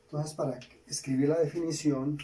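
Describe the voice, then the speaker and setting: A Colombian man teaching a grammar lesson, slowly repeating key words for students to write down. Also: on the high side, steady tone, mellow. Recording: distant mic, faint background hiss.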